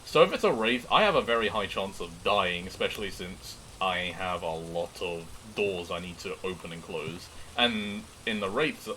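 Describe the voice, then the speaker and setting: A man doing live horror game commentary, chatting casually to viewers in an animated, excitable way with jokey asides. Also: low-pitched, moderate pace, few pauses, slight background noise, low-quality recording. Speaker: game streamer.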